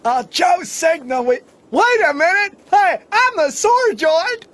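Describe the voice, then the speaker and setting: An actor voicing a dim-witted, whiny outlaw who complains about food and clothes. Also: male voice, extremely high pitch, expressive, slow pace, very noisy, exaggerated voice.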